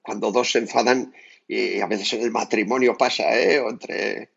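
A man from Spain, a priest giving a spoken meditation in a conversational manner with frequent tag questions and lively asides. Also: fairly low pitch, normal speed, creaky, husky, muffled recording.

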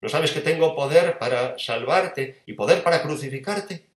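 An anxious Roman governor calls out to a hostile crowd, loud and raised, torn between fear and duty, as a Spanish preacher acts him out. The voice rings in an echoey room during a sermon. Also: male voice, fairly high pitch, moderate pace, natural voice. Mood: demanding. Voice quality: proclaiming, pleading.

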